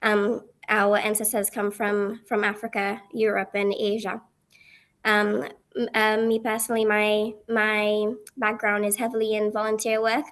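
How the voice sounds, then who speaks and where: A woman in her twenties from the Seychelles, a Creole speaker, introducing herself haltingly. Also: mid-range voice, monotone, a bit bright. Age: 20s. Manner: hesitant, halting. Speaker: panel speaker. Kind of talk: informal self-introduction.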